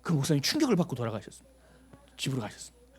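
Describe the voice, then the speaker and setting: A man's voice: mid-range voice, huge pitch swings, racing, breathy edge. A middle-aged male pastor preaching a sermon, telling stories animatedly, acting out dialogue and pressing with emphatic rhetorical questions.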